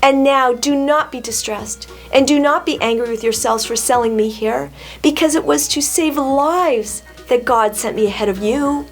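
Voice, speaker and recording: A woman voicing a grave, powerful man who speaks to his brothers in a measured, solemn way. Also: sits high, soft background music.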